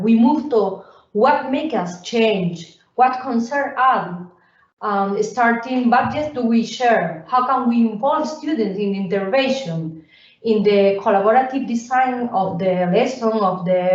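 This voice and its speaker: A woman giving an academic workshop presentation, halting and full of fillers and restarts. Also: a little high. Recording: roomy, distant, dull sound.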